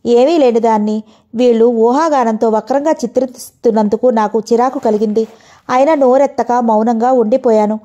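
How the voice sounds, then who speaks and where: A woman tells a first-person story with steady, emotional delivery. Her voice is fairly high yet soft and mellow. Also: moderate pace, lo-fi sound.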